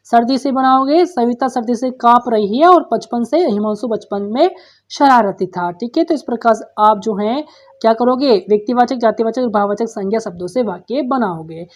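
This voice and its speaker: A woman's voice: on the high side, moderate pace. A woman teacher, patiently working through workbook answers, asking questions and repeating the answers for young pupils. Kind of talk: workbook solution lesson.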